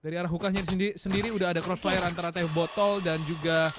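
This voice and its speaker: Indonesian man, higher-pitched, esports announcer commentary, emphatic slangy analysis, noisy clicking background. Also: steady tone, quick pace. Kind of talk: excited fighting-game-announcer style match commentary.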